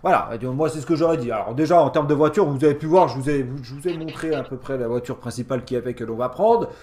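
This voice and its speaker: A man's voice: medium pitch, quick pace, dark tone. A man hosting a casual, sarcastic game review in a mocking, slangy and emphatic manner. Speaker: gaming video host.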